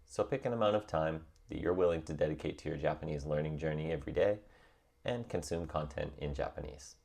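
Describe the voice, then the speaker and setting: A young man calmly and encouragingly narrating a scripted tutorial on learning a language. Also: very deep voice, brisk, creaky. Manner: calm, encouraging and reassuring.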